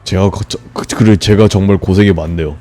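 A man streaming a game, grumbling and swearing at it, then breaking into sudden high shouts. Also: steady tone, fairly quick, faint music behind. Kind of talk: frustrated live gameplay commentary.

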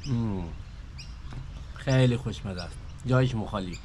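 A man in his thirties with an Afghan Dari accent vlogs from a park picnic, cooking, tasting food, and chatting casually to the camera in a relaxed, talkative way while he eats. His voice is on the low side, and there is slight background noise.

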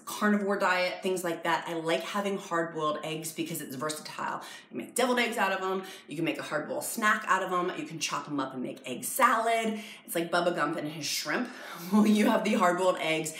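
A woman's voice: on the low side, fairly bright tone, echoey room, low-quality recording. A woman, chatting bubbly and jokey to the camera in a home cooking vlog. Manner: chatty, bubbly, jokey, addresses viewers as y'all. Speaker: vlogger. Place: home dining room.

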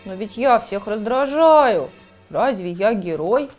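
A woman's voice: mid-range voice, animated, takes it slowly, darkish tone, muffled recording, soft background music. A woman voicing a big clumsy rhinoceros who mumbles and grumbles, in a storybook reading. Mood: touched.

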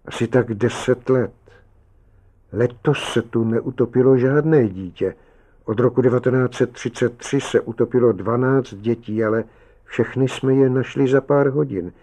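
A man voicing a weathered, middle-aged male lifeguard who speaks quietly and slowly. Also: mid-range voice, close to an everyday voice. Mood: quiet, grave. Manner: quiet and slow.

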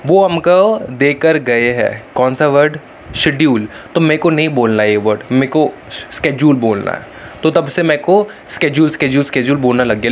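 A man teaches in a relaxed, chatty way and keeps asking his students whether they follow. His voice sits a little high for a man. A faint background noise runs under the recording. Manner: chatty, repeats tag questions to students. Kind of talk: casual online lecture.

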